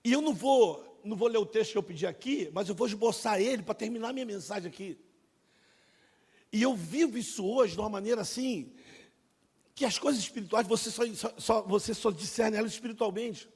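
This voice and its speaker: A middle-aged man preaching a sermon and telling his own testimony, swinging between loud and hushed like a dramatic storyteller. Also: high voice, brisk, breathy edge. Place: church sanctuary. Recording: long hall reverb.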